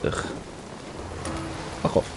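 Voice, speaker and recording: A man's voice: drawn-out words, music in the background. A man streaming a game, casually commenting, swearing and muttering to himself, congested and talking through his nose.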